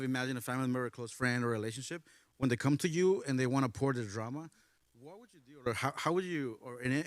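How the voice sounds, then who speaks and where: A man's voice: medium pitch, no room sound. Playful young man hosting a chat. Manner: playful, asks questions, rambling. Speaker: panel host. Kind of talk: casual panel chat.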